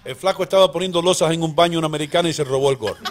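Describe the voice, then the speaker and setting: A man's voice: a little high, rapid-fire, crowd noise. A man co-hosting a morning show, teasing and joking theatrically with his co-host. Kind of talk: joking studio banter.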